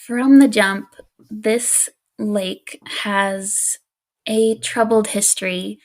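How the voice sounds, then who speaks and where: Speaking extremely slowly at a medium pitch, a woman on a podcast recounts a spooky story as co-host. Her manner is easygoing and relaxed, full of laughter and fillers.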